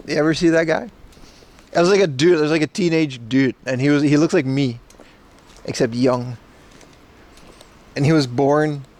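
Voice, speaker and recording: This man's voice runs high and a bit mellow. He's an IRL streamer strolling outdoors through the city, reading chat messages aloud and joking around with pretend indignation in a casual way.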